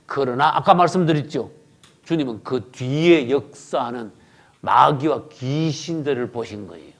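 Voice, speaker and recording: A pastor preaches a sermon emphatically, throwing rhetorical questions at the congregation and swinging between loud bursts and low murmurs.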